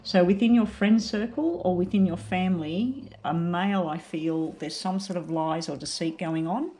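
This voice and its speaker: A woman giving a casual, unhurried tarot card reading while suffering from a very sore throat. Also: fairly low pitch, warm tone. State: very sore throat, may choke up.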